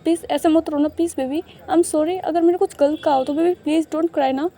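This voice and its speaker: A doting, possessive young businessman who dotes on his partner, as a woman puts him on in a storybook romance. He pleads and coaxes in quick bursts and mixes in English phrases. The voice stays high and mellow. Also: fairly even intonation, close to an everyday voice. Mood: pleading.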